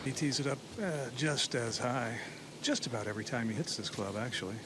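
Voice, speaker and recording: Male golf commentator over loud outdoor noise. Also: medium pitch, fairly quick. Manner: conversational, analytical golf commentator delivery. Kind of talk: live golf commentary, analytical. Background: loud outdoor ambience.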